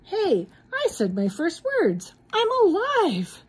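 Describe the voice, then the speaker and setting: A woman's voice: extremely high pitch, huge pitch swings, slow, pitched above the performer's own voice, exaggerated voice. A woman voicing a cheerful, naive male snowman in an exclaiming, jolly storybook manner. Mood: delighted.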